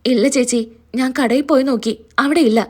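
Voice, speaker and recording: A woman retelling a story, voicing a calm man reassuring his sister-in-law. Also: sits high, brisk. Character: calm dependable brother-in-law.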